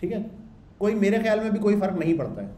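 A man's voice: sits high, very animated, fast, warm tone, roomy sound. A man walking through a coding tutorial in a chatty way, asking and answering his own questions and repeating his points. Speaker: programming instructor. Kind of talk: screen-share coding tutorial.

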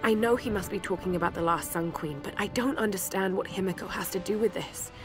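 Voicing a young adventurer in a game, an actress reads from the character's survival journal, sounding shaken yet determined, worried and reflective. Her natural, medium-pitched voice is brisk and breathy, often sinking toward a whisper. Music plays behind her.

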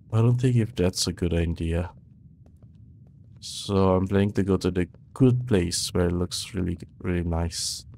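Muttering through a horror game, a young man gives jittery, casual commentary into a close boom-arm mic, headset on. His low-pitched voice carries vocal fry and a darkish tone, and there's a little hiss or hum in the recording.

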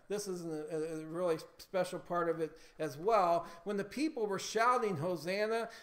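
A man preaching a sermon as pastor in a church, building emphasis and calling for amens. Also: high-pitched. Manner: preaching with rising emphasis, calls for amen.

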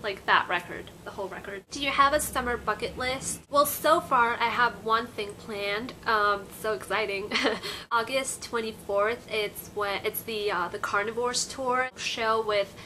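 Bright-voiced chatty young woman vlogger. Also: fairly high pitch, measured pace, a little hiss or hum, low-quality recording. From Peru. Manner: chatty, lots of "like" and "you know". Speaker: beauty vlogger. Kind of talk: casual chat to camera. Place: bedroom, indoors. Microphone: camera in front at close range.

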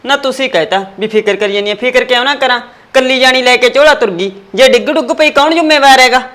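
A woman's voice: sits high, quick pace, fairly bright tone. A woman playing an anxious, protective mother who defends her son and worries about her mother-in-law in a family drama. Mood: fretful. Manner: fretful, defensive.

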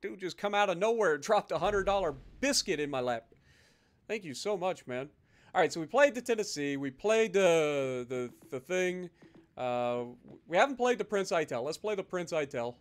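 High-pitched man streaming games, sweary. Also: animated, normal speed. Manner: sweary, exasperated griping. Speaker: live game streamer. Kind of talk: casual live gaming commentary with chat.

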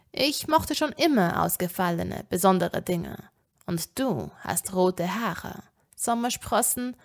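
A woman voicing a charming, sinister young male wizard who speaks softly and insistently. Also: mid-range voice, vocal fry. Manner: soft, insistent, menacing.

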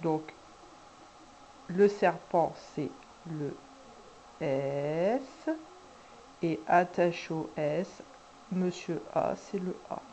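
Kindergarten teacher, woman, patient and mellow, stretches syllables, slow delivery. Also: fairly low pitch, fairly even intonation, a little hiss or hum. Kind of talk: instructional video for parents.

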